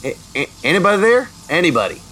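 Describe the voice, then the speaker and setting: A man improvises as a tabletop player in a bright, slightly high voice. He stammers and halts, with wildly varied pitch over faint background noise. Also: sing-song. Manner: stammering, halting delivery. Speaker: tabletop role-play player. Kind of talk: improvised role-play and casual narration.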